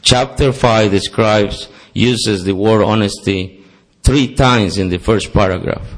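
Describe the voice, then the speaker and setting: Here a man with a low voice speaks slowly, recounting his experience at a recovery meeting in a meeting hall. Earnest yet willing to laugh at himself, he is from Costa Rica, grew up speaking Spanish, and has a Costa Rican Spanish accent.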